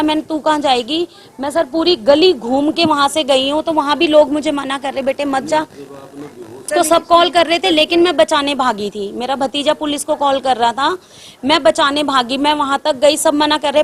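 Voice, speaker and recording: A woman's voice: high-pitched, fairly quick. A woman giving an urgent eyewitness account to a news reporter, often addressing him as sir. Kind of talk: news interview testimony.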